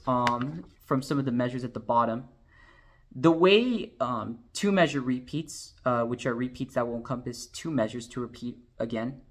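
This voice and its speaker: Guy explaining drum sheet music, patient, counts out loud, da da da the beats, mid voice. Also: medium pitch. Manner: patient, counts and sings rhythms aloud. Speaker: drumline instructor.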